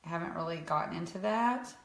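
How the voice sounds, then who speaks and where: A woman's voice: fairly low pitch, quick pace. A woman in her thirties demonstrating makeup at home, talking in a rambling, casual way to the ladies watching. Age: 30s. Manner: rambling, talks to viewers as ladies. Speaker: makeup artist co-host. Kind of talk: casual makeup demo chat. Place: sunny home room. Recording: echoey room.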